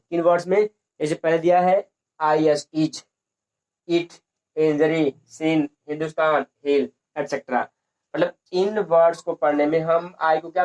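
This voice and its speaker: A man teaches English pronunciation, pitched a little high. He keeps repeating his points and answers his own questions. The recording sounds dull and lo-fi. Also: darkish tone.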